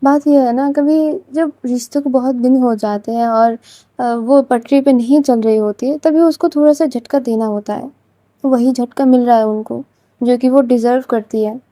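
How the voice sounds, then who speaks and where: This is a stubborn young mother in a spoken storybook, curt and huffy, scolding as she talks, as a woman narrator plays her. The voice is high-pitched with a very dark, mellow tone. It sounds dry and close to the mic. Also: fairly even intonation, normal speed, dry recording, lightly acted.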